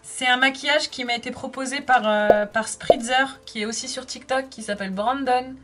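A woman in her thirties from France chats casually while doing her makeup, reading viewer comments aloud and answering them as a makeup vlogger. Her voice sits high with a steady tone, she talks at a normal speed, and music plays underneath.

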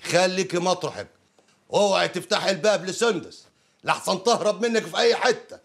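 An actor playing a middle-aged uncle with an Egyptian accent who keeps calming his family with quick, fatherly reassurance. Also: high voice. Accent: Egyptian Arabic. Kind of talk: TV drama acting.

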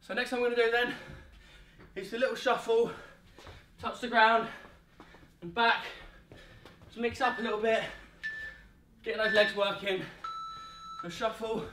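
A man's voice: very high voice, level tone, unhurried, long pauses, pushed and bright. A man in his thirties, out of breath, leading a live workout as a fitness coach with short barked cues and counts. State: out of breath from exercise. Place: medium-sized indoor gym studio. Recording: roomy echo, distant mic, faint noise.

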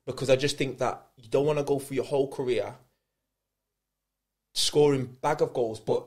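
A former footballer appears as a podcast guest, telling stories in slangy, casual chat and laughing through his punchlines as an animated storyteller. His voice is medium-pitched at a moderate pace.

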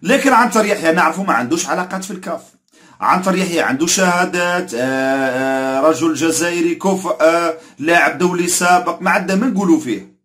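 A man's voice: a little high, quick pace, fairly bright tone. A man speaking with an Algerian Arabic accent, giving an emphatic football opinion rant to camera. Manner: emphatic, repetitive, indignant warnings. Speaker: football commentator.

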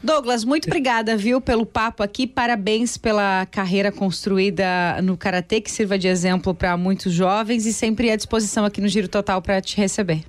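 A woman's voice: medium pitch, fairly even intonation, fairly quick, few pauses. A woman from Brazil hosting a radio interview, chatty and affirming in a conversational way. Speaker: radio show host.

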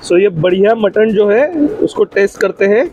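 A man's voice: high voice, steady tone, normal speed, a little mellow, soft background music. A middle-aged Indian man hosting a casual food vlog, talking with enthusiasm on a lapel mic at an open-air restaurant. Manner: enthusiastic, mixes Hindi and English. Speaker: food vlogger host.

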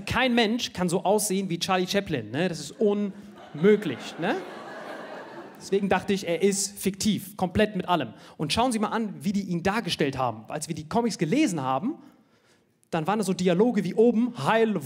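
Guy from india doing standup, high voice, animated, jokey, keeps tagging "ne?". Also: moderate pace, breathy edge. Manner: animated, jokey, frequent tag questions. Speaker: stand-up comedian. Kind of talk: stand-up comedy.

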